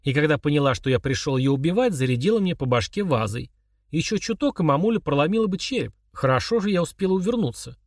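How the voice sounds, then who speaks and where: A man voicing a calm, mocking young man who chats casually while confessing murder to his father. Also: fairly high pitch, fast, no echo, studio quality. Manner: chummy, sneering, confessional tone.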